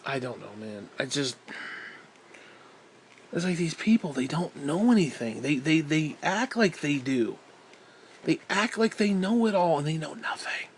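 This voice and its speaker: A man delivers an angry vlog rant in a fairly high voice, cursing freely and sighing hard between jabs. He sounds blunt and exasperated. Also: sing-song, unhurried, pauses often, slight background noise. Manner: profane, blunt, exasperated, with heavy sighs. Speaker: vlogger. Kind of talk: angry ranting monologue.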